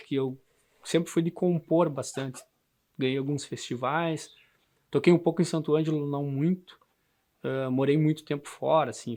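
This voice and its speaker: A man with a southern Brazilian gaúcho accent, talking casually about himself in a halting way, often adding tag questions. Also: on the high side, darkish tone. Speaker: musician and handmade instrument builder. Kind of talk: casual interview monologue.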